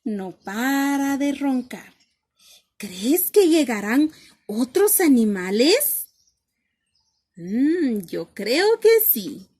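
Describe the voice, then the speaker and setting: A woman's voice: high voice, husky. A woman reading a picture book aloud to children as a lesson, asking questions and then answering them herself.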